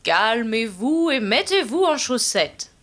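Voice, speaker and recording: A woman voicing a calm, firm older dance teacher in a storybook reading, giving gentle but commanding instructions. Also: a little high, slow, heavily acted.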